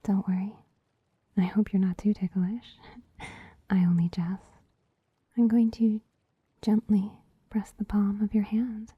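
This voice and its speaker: A breathy, almost voiceless whisper from a woman as a soft-pawed bunny spa attendant, unhurried and teasing. The sound is dry and close, with a slightly dull, muffled top end, as in an intimate ASMR recording. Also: medium pitch, flat delivery, no room sound. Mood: soothing. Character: gentle soothing female bunny spa attendant. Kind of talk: ASMR roleplay. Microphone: close mic.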